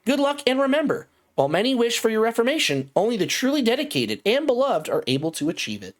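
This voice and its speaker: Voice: medium pitch, big pitch swings, fast, pitched above the performer's own voice, natural voice. A game master voicing a courteous corporate AI assistant system that reads out formal announcements.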